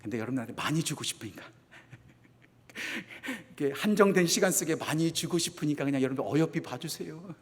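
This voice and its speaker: A middle-aged Korean man preaching a sermon. He talks fast, repeats phrases for emphasis, and moves between loud exhortation and hushed asides. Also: on the high side, expressive. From South Korea. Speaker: associate pastor. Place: church sanctuary. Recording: long hall reverb of a church.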